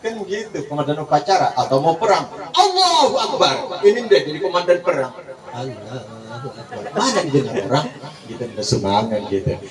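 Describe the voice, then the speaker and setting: A man giving a joking, animated sermon at a large religious gathering, acting out quoted couples. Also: fairly high pitch, fast talker. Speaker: preacher. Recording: echoey, distant mic with crowd.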